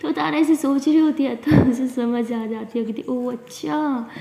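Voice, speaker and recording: A woman's voice: high voice, normal speed, vocal fry, dark tone. A woman narrating a love story in a chatty, conversational way. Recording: echoey room with long reverb.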